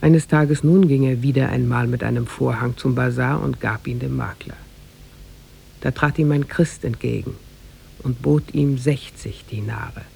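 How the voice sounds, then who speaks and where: Narrating a scripted 1950s German radio tale, a man uses a measured, formal storytelling style. The voice is husky and gravelly, pitched in the middle and slightly mellow, with slight background noise behind it.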